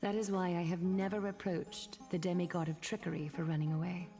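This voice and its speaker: A woman playing a stern, elegant noblewoman dressmaker in a video game, speaking in a measured, solemn way. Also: lowish voice, little pitch movement, warm tone, in a large hall, faint music behind, lightly acted.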